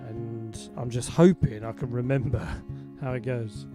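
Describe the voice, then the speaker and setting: Halting, reflective man host. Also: medium pitch, steady tone. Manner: soft, halting and reflective, with many ums and restarts. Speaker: host and singer-songwriter. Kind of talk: casual online chat between songs. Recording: loud guitar music behind.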